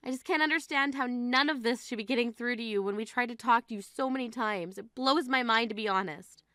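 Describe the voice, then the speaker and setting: A woman's voice: on the high side, a little fast, bright, forceful tone, no echo, clean studio sound. A woman playing an exasperated, grieving sister who scolds in an incredulous, reproachful way in a dramatized story. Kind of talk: dramatized phone-call story dialogue.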